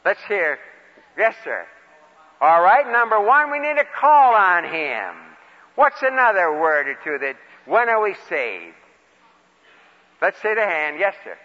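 A male preacher with a fairly high, very animated voice teaches in short, folksy phrases. He moves between questions and personal stories. Long hall reverb surrounds a slightly muffled recording. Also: unhurried, long pauses. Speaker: preacher leading a Bible lesson. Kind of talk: interactive sermon with questions and personal storytelling.

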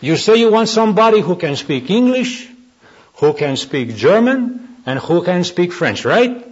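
A man's voice: high voice, sing-song, a little slow, husky, voice pushed up, heavily acted. A man voicing a cheerful, slightly tipsy fellow who talks bluntly to a doctor in the night. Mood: eager. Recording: dull lo-fi recording.

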